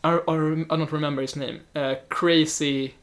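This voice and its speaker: A young man with a somewhat high voice chats casually about films. He is lively and animated, and he slips easily into imitating how other people talk. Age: young adult. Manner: chatty, animated, quick to imitate others' speech. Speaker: podcast co-host, film student. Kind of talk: casual film discussion.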